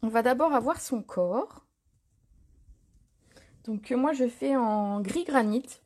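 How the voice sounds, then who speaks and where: A woman hosting a live craft tutorial, chatting casually, answering viewer comments and filling pauses with little words as she works. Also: on the high side, darkish tone, a little hiss or hum. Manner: chatty, reads viewer comments aloud, frequent fillers. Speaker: crafting demonstrator. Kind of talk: live stream tutorial chat.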